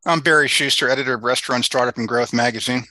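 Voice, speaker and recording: Fast, bright-voiced male magazine editor. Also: medium pitch, steady tone, dry recording, rough recording. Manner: rambling, repeats words when asking. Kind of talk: podcast interview hosting.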